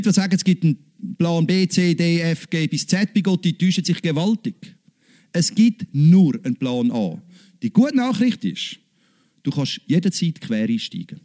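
Emphatic high-voiced male preacher. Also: darkish tone. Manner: emphatic, repeats key phrases. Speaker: pastor. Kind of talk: sermon.

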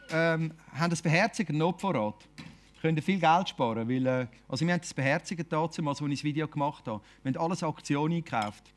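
A man with a Swiss German accent preaching an informal sermon, talking conversationally and often ending phrases with a questioning tag. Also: on the high side. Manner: conversational, keeps asking "oder?".

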